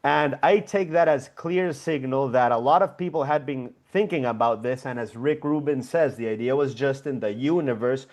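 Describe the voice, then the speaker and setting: A man's voice: mid-range voice, normal speed, hardly any pauses, a little mellow. A young man from Venezuela, a founder being interviewed over a video call, talking reflectively with many fillers. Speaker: guest founder. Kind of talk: casual interview.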